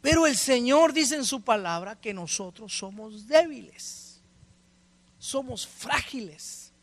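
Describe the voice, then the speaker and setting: High-voiced preaching man, dry sound. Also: expressive, slow, dry recording. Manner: dramatic swings between loud exclamations and hushed asides. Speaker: pastor. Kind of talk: sermon. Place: church.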